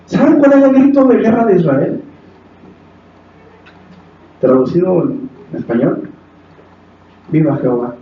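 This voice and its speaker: Impassioned Mexican pastor in an echoey hall. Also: male voice, high-pitched, very animated, a little slow, long pauses. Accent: Mexican Spanish. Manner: impassioned, acts out quotes, rises to shouts. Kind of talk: sermon. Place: church hall. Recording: echoey hall from far off, dull, faint hiss.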